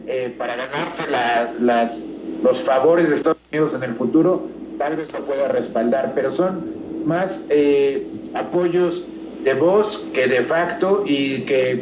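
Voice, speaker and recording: A man analysing the news in a radio interview, speaking with many hesitant filler sounds, heard over fading shortwave radio. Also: medium pitch. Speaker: political analyst guest. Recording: muffled, roomy, noisy shortwave broadcast.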